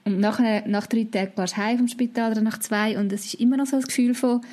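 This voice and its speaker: A woman in her thirties speaks with a Swiss German accent in a relaxed conversation. She tells her stories with life and plays out her own past thoughts as she goes. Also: on the high side, fast. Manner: lively storytelling, acts out her own thoughts. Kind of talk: casual chat.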